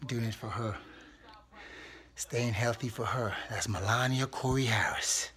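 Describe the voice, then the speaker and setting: A man's voice: mid-range voice, a little slow, bright, forceful tone. A man in his fifties talking in an exuberant, emphatic, motivational way to his phone camera in a small room at home, as a casual fitness vlog. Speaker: fitness challenge vlogger. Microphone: phone at arm's length or propped close by.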